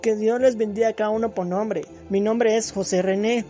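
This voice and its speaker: A man's voice: high-pitched, fairly even intonation, moderate pace, dark tone, faint music behind. A man from Guatemala, sending fervent religious holiday blessings. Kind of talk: recorded holiday greeting.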